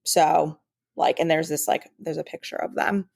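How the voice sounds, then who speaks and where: A woman's voice: sits low, fairly even intonation, moderate pace, vocal fry, a little mellow. A woman co-hosting a podcast in casual chat, chatty and full of "um" and "like.". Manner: chatty, many fillers like "um" and "like". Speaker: podcast co-host.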